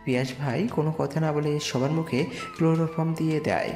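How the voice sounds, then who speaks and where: A man with a fairly high, darkish voice reads a scripted first-person love story, narrating as its lead character with dramatised delivery. He speaks briskly with fairly even intonation and some vocal fry. The recording has echoey reverb, with music playing behind him.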